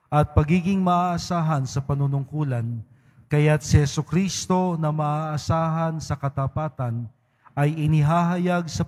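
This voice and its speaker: A man serving as a priest, leading mass prayers in a solemn, measured recitation. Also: on the high side, darkish tone. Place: large church. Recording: long church reverb.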